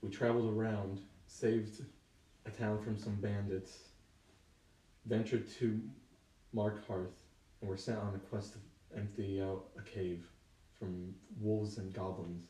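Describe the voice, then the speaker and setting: A man's voice: lowish voice, flat delivery, unhurried, warm tone, natural voice. A man voicing a polite male adventurer in a tabletop game, speaking formally and carefully. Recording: roomy, from far off the mic.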